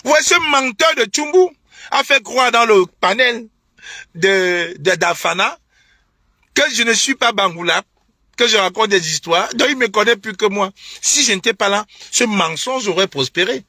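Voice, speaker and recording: A young Cameroonian man, an online political commentator, rants heatedly on a live stream, his talk indignant, repetitive and mocking, broken by scornful laughs. His voice is high-pitched, animated and sharp at a moderate pace. The sound is clean studio quality with no echo.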